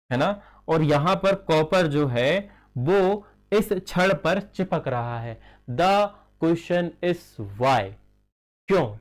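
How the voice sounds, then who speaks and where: A slightly high-voiced man teaching chemistry at a slow, deliberate pace. He poses questions and answers them himself, and he repeats key terms as if dictating notes. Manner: mixes in English phrases; dictates slowly while writing. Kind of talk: classroom lecture.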